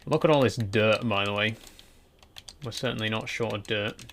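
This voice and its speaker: With a low-leaning voice and a moderate pace, a twenty-something man chats loosely while playing a building game on stream, answering viewer messages as they come in. His relaxed, rambling talk is set against a very noisy background.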